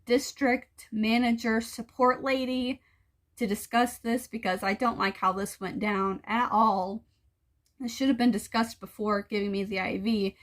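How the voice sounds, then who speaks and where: Higher-pitched woman vlogger, casual and explanatory. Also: a bit bright. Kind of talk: casual personal vlog, talking to viewers.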